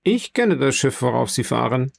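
A man's voice: mid-range voice, very animated, moderate pace, creaky, no echo, studio quality, exaggerated voice. A man voicing a grown sailor who answers respectfully and evasively. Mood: guarded. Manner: respectful, addresses his listener formally. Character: adult male sailor, guarded and evasive.

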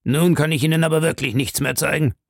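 A cruel old man gloats with slow relish over the torments of the past, as a male audiobook narrator puts him on. His voice sits higher than the narrator's own and has a gravelly crackle. The sound is close and dry, with no room in it. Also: no room sound. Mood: curt. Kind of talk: audiobook character voice.

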